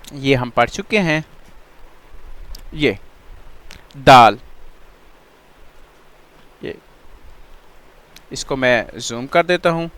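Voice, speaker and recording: A man teaching tajweed in an online Quran reading lesson, drawing out letter sounds slowly and often checking that students follow. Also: mid-range voice, fairly bright tone. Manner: slow drawn-out letter drills with frequent check-ins.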